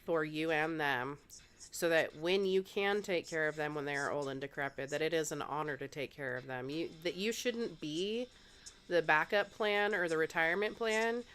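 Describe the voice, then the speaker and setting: A woman's voice: sits low, normal speed, a bit bright, clean tone. A woman livestreamer chatting candidly at home while getting ready, congested and swearing freely.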